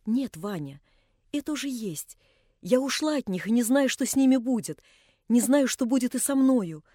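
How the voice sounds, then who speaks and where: A woman reading the part of a young woman who speaks in hushed, despairing tones. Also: fairly high pitch, lively intonation, normal speed, dry recording, clean studio sound. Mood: quiet despair.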